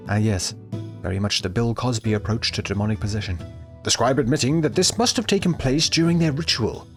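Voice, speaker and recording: A man delivers scripted comic narration for a game review, dripping sarcasm. His middle-pitched voice rises and falls a lot, with soft music underneath. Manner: sarcastic, mocking.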